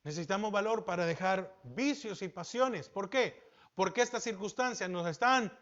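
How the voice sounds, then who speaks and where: A Salvadoran man preaches with a high voice, firing questions at the congregation. He swings from emphatic, rising lines to quiet, low asides. The recording sounds dull and lo-fi. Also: moderate pace. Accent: Salvadoran Spanish. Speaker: pastor. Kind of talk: sermon.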